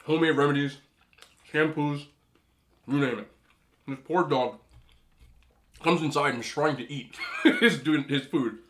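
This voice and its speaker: A man hosting a mukbang, chatting casually and telling an animated, slangy, incredulous story between bites as he eats. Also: a little high, unhurried, pauses often. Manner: eating between phrases. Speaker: host of a mukbang video. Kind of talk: casual rambling storytelling while eating.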